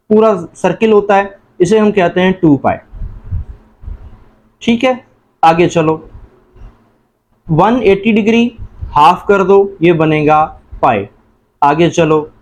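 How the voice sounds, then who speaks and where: Male test-prep tutor, Pakistani Urdu accent, high-pitched, question-and-answer drilling style. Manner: addresses listeners as janab. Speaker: teacher. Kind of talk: entry-test lesson.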